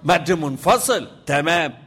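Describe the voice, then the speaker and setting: A man with an Egyptian accent leads a lesson on the rules of Quranic recitation, speaking in a fairly high voice. He drills his students with repeated call-and-response questions. Between the questions he chants the verses in a melodic style. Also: lively intonation, unhurried, a bit bright, breathy edge. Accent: Egyptian Arabic.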